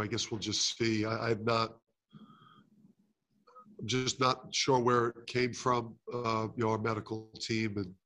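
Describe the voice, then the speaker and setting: A man's voice: on the low side, fairly bright tone. A middle-aged man, a head basketball coach, answering questions at a postgame press conference with many fillers and restarts. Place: press conference room with sponsor backdrop. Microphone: table mic close in front.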